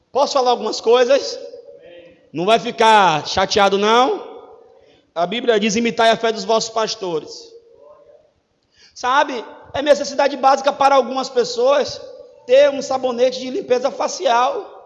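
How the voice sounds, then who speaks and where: Male pastor, very high voice, animated joking sermon, long church-hall reverb. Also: normal speed, long pauses, lo-fi sound. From Brazil. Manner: animated and joking, swings from loud preaching to quiet asides.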